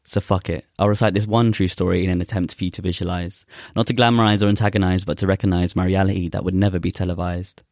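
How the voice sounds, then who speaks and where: Earnest but halting and full of fillers, a young man with a deep, flat voice talks casually and recites spoken-word poems as a poet guest. His first language is Urdu, and the recording is dry and studio quality.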